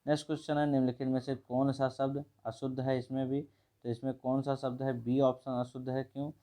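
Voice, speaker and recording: A man, teaching a brisk exam revision lesson and going through questions one by one. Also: mid-range voice, level tone, dark tone. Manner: brisk, repeats each word and asks the viewer. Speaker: Hindi teacher.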